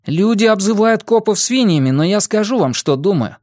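A man voicing an excitable, cynical teenage boy in an audiobook, talking loudly. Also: high-pitched, moderate pace, dry recording, studio quality, pitched above the performer's own voice. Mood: excited. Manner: loud, animated.

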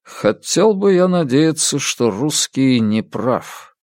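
A man reading the part of a measured, thoughtful officer in an audiobook. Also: a little high, animated, no room sound, clean studio sound, pitched above the performer's own voice, lightly acted. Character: male officer, thoughtful and dutiful.

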